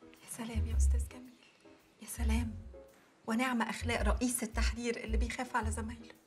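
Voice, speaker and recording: A woman's voice: fairly high pitch, little pitch movement, quick pace, darkish tone, soft background music, lightly acted. An actress playing an emotional female journalist who speaks theatrically in an Egyptian Arabic accent. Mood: earnest. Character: emotional young female journalist, quick to tears.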